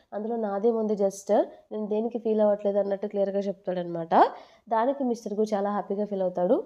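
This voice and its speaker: A woman's voice: on the high side, dark tone, muffled recording. A woman narrating a drama recap in a chatty, casual way, paraphrasing the characters' lines in her own voice.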